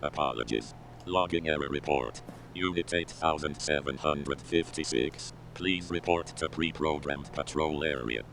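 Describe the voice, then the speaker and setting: Very deep, gravelly security robot. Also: male voice, a little slow, noisy background. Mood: flat. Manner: clipped, commanding announcements. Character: stern male security robot guarding a facility. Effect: robotic voice filter. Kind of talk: video game voice acting.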